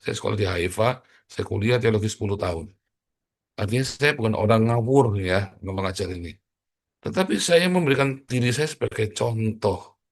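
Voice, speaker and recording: Gravelly low-voiced male preacher. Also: moderate pace. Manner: blunt, joking, provocative preaching; addresses listeners as brothers and sisters. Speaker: pastor. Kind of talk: sermon.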